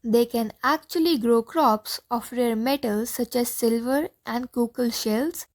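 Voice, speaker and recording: A woman's voice: fairly high pitch, measured pace. A woman reading the part of a pompous, bossy male Martian leader in an audiobook play, with a commanding, easily alarmed manner.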